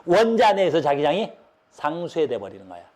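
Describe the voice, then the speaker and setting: Lively high-voiced male physics teacher. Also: normal speed. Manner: keeps checking understanding with short questions; lively, swings between loud stresses and low mutters. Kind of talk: classroom lecture.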